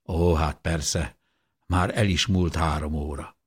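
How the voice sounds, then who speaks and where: A man playing a gentle old gentleman with a low, husky, unhurried voice. He speaks softly and kindly, with a sly, teasing charm, as an audiobook reading. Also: fairly even intonation.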